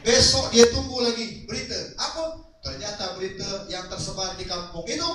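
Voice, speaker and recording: Male preacher with a Malay-tinged accent, dramatic storyteller, very high bright voice, recorded from afar in a booming hall. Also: normal speed, a little hiss or hum. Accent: Malay-inflected Indonesian. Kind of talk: storytelling sermon. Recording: very echoey hall from far off.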